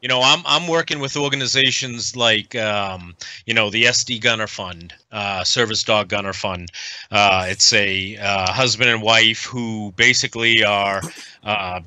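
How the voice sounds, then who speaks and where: A middle-aged man from the United States, a guest in a casual podcast conversation, speaking earnestly and haltingly with frequent pauses. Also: lowish voice, pushed and bright, no room sound. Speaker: guest, veteran nonprofit advocate.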